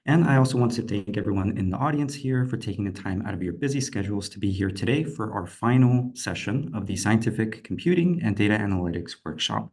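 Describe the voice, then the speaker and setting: A young man, a PhD candidate, presenting an online lecture in a steady, explanatory way. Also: lowish voice, fast, hardly any pauses, husky. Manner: steady, explanatory, occasional fillers.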